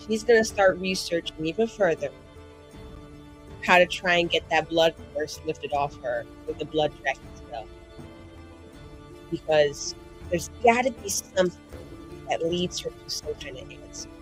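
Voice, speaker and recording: A young woman with a fairly low voice plays a tabletop game, chatting in a casual, excited way that's theatrical, full of swearing and mischievous. The audio quality is poor, and soft music plays faintly in the background.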